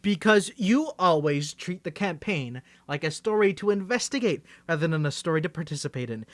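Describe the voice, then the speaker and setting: In an ASMR roleplay audio drama, a man with a high-sitting voice plays a nervous young guy concealing his superhero identity from his best friend. He stammers through rambling excuses with a defensive, teasing mood, and there's no room sound.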